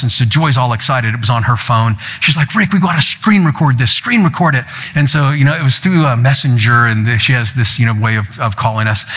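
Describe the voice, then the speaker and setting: A man's voice: mid-range voice, fairly bright tone, husky. Older male pastor preaching in a hall. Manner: storytelling, quoting family in raised playful voices. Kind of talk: sermon. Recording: long hall reverb.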